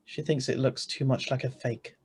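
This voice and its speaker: In this 1940s-style radio drama read over a video call, a man voices an ordinary married fellow who flusters easily and narrates his own story. His tone is level, a little mellow and slightly rough, at medium pitch and moderate pace, with a wry feel.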